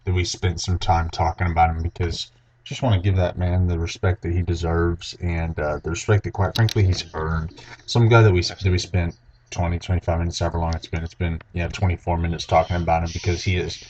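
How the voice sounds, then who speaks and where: A man's voice: sits low, fairly even intonation, a little fast, a little mellow, a little hiss or hum. A young man co-hosting a sports podcast, rambling in a folksy way. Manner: rambling, folksy, says "y'all" a lot. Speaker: podcast co-host. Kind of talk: casual sports chat. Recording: dull lo-fi sound.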